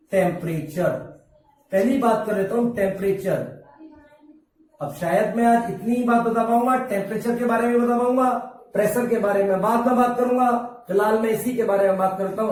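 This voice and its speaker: A male teacher giving a slow classroom lesson, repeating key terms and asking and answering his own questions. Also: high voice, darkish tone. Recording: very echoey room, voice from far off.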